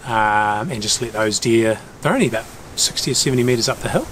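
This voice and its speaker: This hunting vlogger, a man with a broad New Zealand accent, addresses the camera in a relaxed, casual manner while out in bush and hill country. His mid-range voice is animated, fast and slightly bright. The outdoor recording is noisy.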